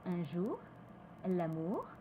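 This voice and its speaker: Teacher, female, French accent, very slow and deliberate, lively pitch, faint room noise. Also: narrow, tinny audio. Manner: repeats each word slowly, switches between French and English. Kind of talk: slow, careful pronunciation lesson.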